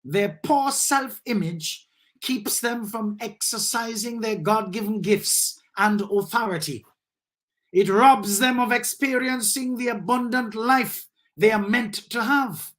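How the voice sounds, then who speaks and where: A man hosting a live session, giving reflective commentary that turns into motivational preaching in a measured way with emphatic rises. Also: sits high, fairly bright tone.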